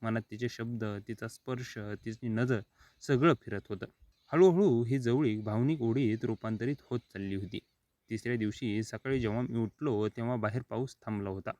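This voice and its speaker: A man's voice: medium pitch, moderate pace, a little mellow, no echo. Man narrating a story in a dry voice. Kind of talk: scripted first-person story narration.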